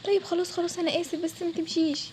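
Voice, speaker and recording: A woman's voice: extremely high pitch, level tone, racing, a little mellow, a little hiss or hum. A woman with an Egyptian Arabic accent voicing a nosy male office colleague who keeps asking questions. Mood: prying. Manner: prying, questioning.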